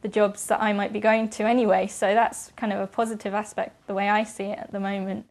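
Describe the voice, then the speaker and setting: A young woman with a medium-pitched voice answers as a student interviewee. Her delivery is casual and conversational. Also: little pitch movement, a little fast, a little mellow. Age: young adult.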